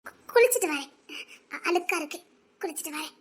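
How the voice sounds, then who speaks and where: Young wife all teary and sorry, super high voice, breaks into shaky little laughs. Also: female voice, animated, brisk. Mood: hesitant. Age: young adult. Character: remorseful young wife, college student, guilt-stricken. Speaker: young wife in a drama series. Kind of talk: emotional drama acting.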